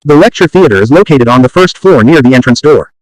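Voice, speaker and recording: A man's voice: mid-range voice, expressive, fast, dry recording, rough recording. A man dictating standalone practice sentences, reading them aloud for an English test.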